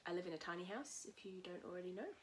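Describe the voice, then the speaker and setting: A husky woman with a low voice chats through her knitting podcast in a loose, rambling way, full of fillers. She sounds a bit croaky from a cold. Faint noise and cockatoos carry in from outside her small home. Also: lively intonation, fast. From England. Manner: chatty and rambling, with many fillers. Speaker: podcast host. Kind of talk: casual knitting podcast chat. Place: at home in a tiny house. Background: cockatoos calling outside.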